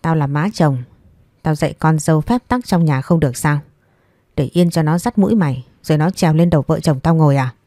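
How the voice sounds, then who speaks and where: Woman doing a nagging old mother-in-law, low mellow voice, harsh and scornful, audiobook. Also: brisk, dry recording, studio quality, natural voice. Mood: scolding.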